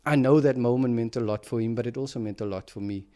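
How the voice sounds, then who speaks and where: A man's voice: mid-range voice, fast talker, mellow. A man hosting a podcast, telling a personal story in a reflective, casual way, with many fillers and restarts. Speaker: podcast host.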